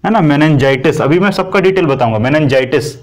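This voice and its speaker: Higher-pitched man teaching a class. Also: expressive, fast. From India. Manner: repetitive, asks and answers own questions. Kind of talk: coaching class lecture.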